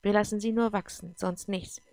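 Brief: patient explaining man, read by a woman, gravelly, dry close sound. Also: medium pitch, steady tone, moderate pace, darkish tone, no room sound, lightly acted. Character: calm adult man explaining his world.

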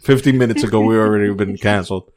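A man's voice: on the low side, fast talker. A man hosting a casual wrestling podcast, ranting with lots of swearing and some words. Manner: profane, animated ranting. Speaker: podcast host.

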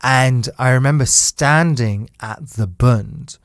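A man's voice: medium pitch, takes it slowly, no echo, clean studio sound. A man in his thirties chatting casually, laughing often and restarting his sentences. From United Kingdom. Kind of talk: casual conversation.

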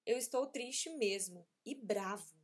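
A woman's voice: on the high side, slow. A woman voicing an upset little boy in a read-aloud children's story, speaking in a childlike, emphatic way. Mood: sad. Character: upset little boy, sulky then cheerful.

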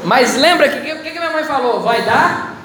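A man with a fairly high voice delivers a lively, story-driven sermon, cracking jokes and turning to the congregation with questions. His voice rings through a large hall with a long reverb. Steady background noise sits under him. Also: normal speed. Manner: animated, humorous anecdotes, addresses audience directly. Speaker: preacher. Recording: echoey hall with loud ambient noise.

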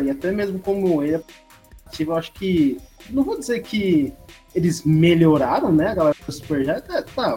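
A man's voice: a little high, warm tone. A Brazilian man co-hosting a podcast, chatting casually in a hesitant, informal way. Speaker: podcast co-host. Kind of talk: casual chat.

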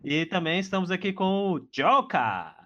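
A man's voice: high voice, big pitch swings, a little slow, fairly bright tone, muffled recording. A man with a Brazilian accent hosting a podcast in a casual, chatty style. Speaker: podcast host.

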